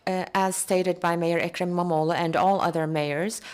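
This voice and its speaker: A woman giving a simultaneous interpretation of conference speeches into English, measured and halting as she keeps up with the speaker. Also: lowish voice, steady tone, clean tone.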